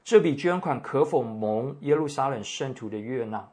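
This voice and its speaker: A man preaching a sermon, reading scripture in a measured, deliberate way with pauses. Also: medium pitch, expressive, darkish tone, slightly rough. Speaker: pastor. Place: church meeting room.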